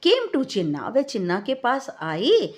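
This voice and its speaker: A woman's voice: on the high side, huge pitch swings, a little mellow. A woman teacher with an Indian accent explaining an English story line by line in Hindi, asking questions and answering them herself, and calling the listener "beta". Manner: reads English lines slowly, then explains each word in Hindi; calls the listener "beta" affectionately.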